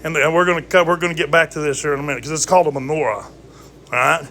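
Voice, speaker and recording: A man leading a casual Bible study, reading scripture aloud slowly and checking in with listeners by asking "all right?". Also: a little high, fairly even intonation, sharp tone, slight background noise.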